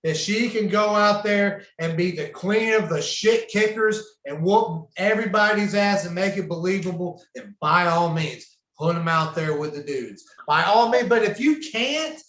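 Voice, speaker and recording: A man's voice: high voice, moderate pace, hardly any pauses, fairly bright tone. A man guest on a podcast, telling wrestling-road stories in a laid-back way, laughing as he goes. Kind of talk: casual storytelling. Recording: roomy echo.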